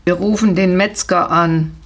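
A woman's voice: fairly low pitch, steady tone, a little slow, pitched below the performer's own voice. A woman reading a storybook, voicing a harsh, curt middle-aged father who gives orders. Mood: stern, harsh.

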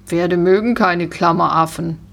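A woman voicing a friendly, firm male riding instructor in a storybook, calmly giving commands. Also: fairly low pitch, unhurried, creaky, faint music behind. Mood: instructing.

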